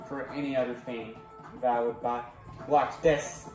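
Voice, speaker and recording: A man talks casually as he co-hosts a gameplay video. His medium-pitched voice is recorded in an echoey room, with music behind it. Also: little pitch movement, normal speed, far from the mic. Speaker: gaming video co-host. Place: indoor room with a television.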